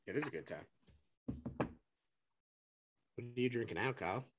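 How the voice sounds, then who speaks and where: A man's voice: medium pitch, animated, moderate pace. A young man co-hosting a podcast, telling stories and teasing his friends. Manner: teasing, tells stories with a laugh. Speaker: podcast co-host. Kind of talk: casual storytelling chat.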